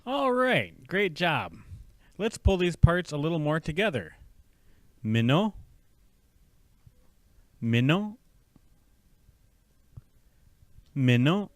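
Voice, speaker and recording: A man gives a language lesson, patiently sounding out syllables and words for the listener to repeat, drawing each syllable out slowly. His fairly high voice swings hugely in pitch and is a bit bright, with no room sound.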